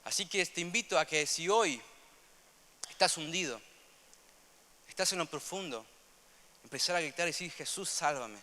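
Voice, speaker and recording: A young man with a Rioplatense Spanish accent preaching a sermon, earnest and repetitive, moving between loud emphasis and soft asides. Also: on the high side, lively intonation, normal speed, pauses often. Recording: long hall reverb.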